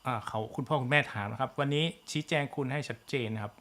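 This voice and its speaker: A man's voice: medium pitch, fast, a bit bright. A man with a Thai accent teaching an online physics class, full of fillers and polite particles. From Thailand. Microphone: computer mic in video class.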